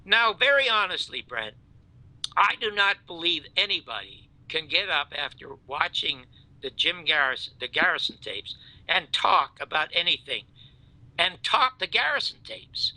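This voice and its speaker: A man's voice: sing-song, normal speed, no room sound, low-quality recording. An older man hosting a talk show, telling a story with emphatic outrage and acting out the quoted dialogue. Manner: emphatic, acts out quoted dialogue, swings from loud outrage to low hush. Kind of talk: animated storytelling in conversation.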